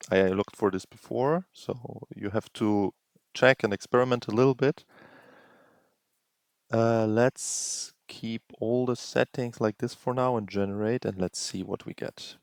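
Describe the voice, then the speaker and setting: A man with a low voice walks through a tutorial at a slow, unhurried pace, thinking aloud as he goes. He is close to the mic in a dry room. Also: steady tone, creaky, dry recording. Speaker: tutorial host. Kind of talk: screen-recording tutorial narration.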